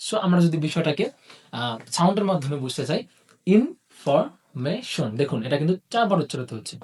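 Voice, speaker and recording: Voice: mid-range voice, expressive, darkish tone. Teacher doing a video lesson, asks then answers own questions, kinda distant from the mic. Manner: drawls target words slowly. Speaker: English teacher.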